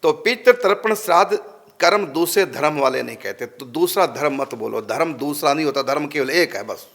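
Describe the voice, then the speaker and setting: Emphatic Hindi-speaking spiritual teacher. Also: male voice, a little high, animated, moderate pace, a bit bright. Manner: rhetorical questions to listeners, emphatic. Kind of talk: religious discourse answering a question.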